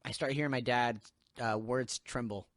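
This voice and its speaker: A man's voice: medium pitch, steady tone, moderate pace, a bit bright, dry recording. Rambling, swearing young man, dry mic. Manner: swears a lot, rambling with many fillers. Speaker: podcast host. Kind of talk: casual chat.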